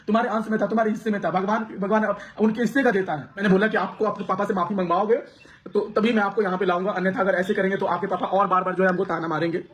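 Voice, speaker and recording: A man vlogging to his viewers, pouring out an aggrieved personal account with many restarts. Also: high-pitched. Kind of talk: emotional personal account to camera.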